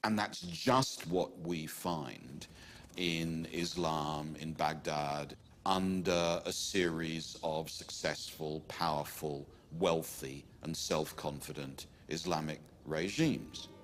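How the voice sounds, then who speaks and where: A man interviewed as an expert for a documentary, speaking in a slow, deliberate way, word by word. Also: very deep voice, slight background noise. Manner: slow, deliberate, listing words one by one.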